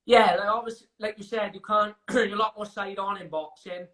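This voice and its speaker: Bright-voiced young Welsh man. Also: sits high, fairly even intonation, a little fast. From Wales. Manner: chatty, frequent restarts and fillers, laughs while telling stories. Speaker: MMA fighter guest. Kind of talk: casual interview chat.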